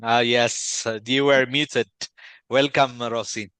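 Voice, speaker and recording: A man from Ethiopia hosts a video call and presents, talking in a friendly, halting way full of fillers and restarts. His voice is bright and forceful. The sound is dry and close. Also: medium pitch, fairly even intonation, clear, resonant tone, dry recording. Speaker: meeting host, company founder.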